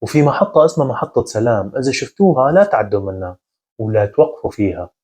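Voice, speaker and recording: A man voicing a worried older mother who softly pleads with her son. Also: mid-range voice, very animated, quick pace, breathy edge. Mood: worried, pleading.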